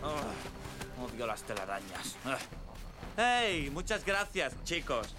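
Excitable, high-voiced goofy lion. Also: male voice, slow. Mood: chatty, indignant. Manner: expressive, rambling, excitable. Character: chatty, pampered, goofy city lion, easily flustered. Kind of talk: animated film dubbing. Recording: loud music behind.

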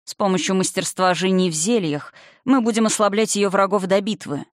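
A reader voicing the spirit of an older father, calm and condescending, who lectures with mocking haughtiness in an audiobook. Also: high voice, brisk, dry recording, clean studio sound, natural voice. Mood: haughty. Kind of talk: audiobook character reading.

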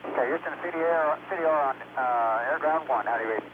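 A man's voice: on the high side, fast. Man on a tinny helmet radio. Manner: clipped radio procedure. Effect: helmet radio comm. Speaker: shuttle crew member. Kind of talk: radio voice check. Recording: tinny noisy radio link.

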